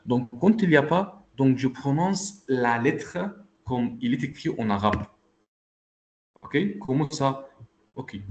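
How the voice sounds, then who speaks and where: A man's voice: mid-range voice, slow pace, darkish tone, slight background noise. Patient male teacher on a video call. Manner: patient, repeats checks like "ok?" and "d'accord?". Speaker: Arabic teacher. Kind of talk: online class teaching.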